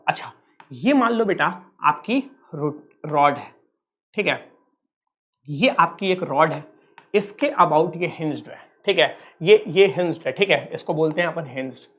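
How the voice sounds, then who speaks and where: A man's voice: fairly high pitch, animated, a little slow, fairly bright tone. A man from Uttar Pradesh, India, teaching a physics lesson online in a playful, teasing way and calling his students kids. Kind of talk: online exam-prep lecture.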